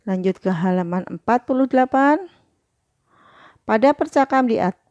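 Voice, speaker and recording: A woman's voice: mid-range voice, a little mellow, dry recording. A woman primary school teacher, patiently explaining a lesson step by step. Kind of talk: recorded lesson walkthrough.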